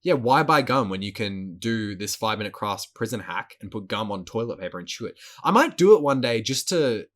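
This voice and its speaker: A man's voice: fairly low pitch, very animated, fairly quick, few pauses, a bit bright. Swearing, laughing male podcast co-host. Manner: swears a lot, laughs often, repeats words. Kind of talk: casual chat.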